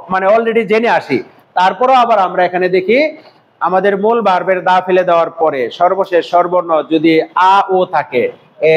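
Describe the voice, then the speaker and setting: A man's voice: high-pitched, highs cut off, a little hiss or hum. A man teaching a grammar lesson to a classroom, drilling students with repeated questions and example sentences. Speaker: Korean language teacher.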